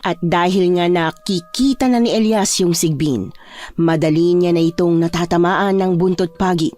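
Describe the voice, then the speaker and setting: A woman narrating a true horror story in first person in a hushed, measured way over faint music. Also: fairly low pitch.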